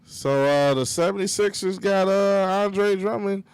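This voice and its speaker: A man's voice: high voice, unhurried, smooth, no room sound. A man hosting a livestream, telling a rambling, profane story in casual chat with lots of fillers, close to the mic. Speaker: livestream host.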